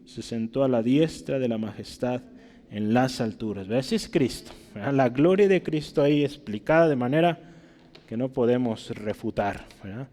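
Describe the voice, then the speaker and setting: A man's voice: moderate pace, dark tone. A man with a Mexican Spanish accent preaching a sermon, who reads scripture aloud in a raised voice and keeps asking his listeners to agree. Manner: reads scripture aloud, often asks "¿verdad?"; rises sharply in pitch and volume when reading verses. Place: church hall. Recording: long hall reverb.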